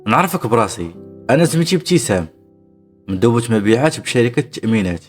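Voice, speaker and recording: A man voicing a bold, scheming young woman in a Moroccan story, with a Moroccan accent and a loud, indignant way of complaining. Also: mid-range voice, big pitch swings, fast, soft background music, close to an everyday voice. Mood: polite.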